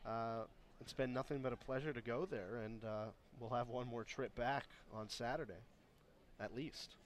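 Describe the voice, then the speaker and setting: A man's voice: medium pitch, steady tone, moderate pace. A man giving conversational color commentary on a live ball game, somewhat hesitant as he thinks aloud.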